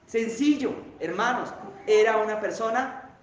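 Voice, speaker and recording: A male pastor preaching a sermon, telling a story with dramatic rises and drops in pitch and loudness, recorded in a church hall. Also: a little slow. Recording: very echoey church hall with faint noise.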